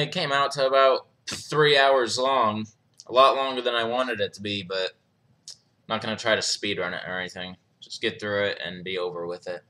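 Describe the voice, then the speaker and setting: Bright-voiced young man streaming casually. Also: fairly low pitch. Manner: laid-back, chuckles often, reads chat aloud. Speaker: streamer hosting a live Q&A. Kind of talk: casual live-stream chat.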